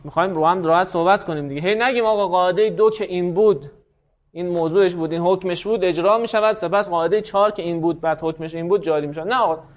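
A man's voice: high-pitched, muffled recording. A man teaching a class, explaining rules step by step and asking and answering his own questions. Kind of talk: classroom lecture.

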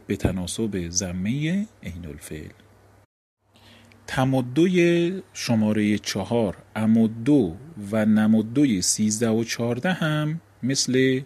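Male teacher, husky and low, walks through grammar rules by asking himself questions. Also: a little mellow. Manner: explanatory, asks and answers own questions. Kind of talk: Arabic grammar lesson.

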